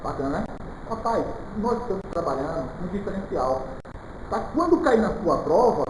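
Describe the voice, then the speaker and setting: A criminal law teacher from Salvador, Brazil, gives an informal live lecture for public exam candidates in a high, sing-song voice at normal speed. He is didactic, frequently checks in with listeners, and adds colloquial asides. The room is very echoey with clear background noise.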